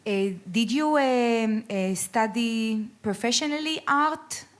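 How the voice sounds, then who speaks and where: A woman's voice: on the high side, slow. A woman in a lecture hall audience asking a question hesitantly, with many fillers.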